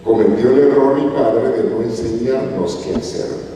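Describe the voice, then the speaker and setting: A man's voice: medium pitch, a little slow, mellow, slight background noise. A man from Guatemala preaching a sermon in a church, telling stories with rising emphasis. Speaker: pastor. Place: church hall. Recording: echoey church hall from far off.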